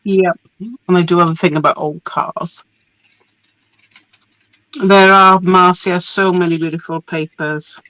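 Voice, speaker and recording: A woman coming down with a cold and losing her voice hosts a casual show-and-tell of craft papers, laughing often and trailing off with ums. Her lowish voice is pushed and bright, with fairly even intonation, a slightly slow pace, and long pauses. The recording is rough, with no echo.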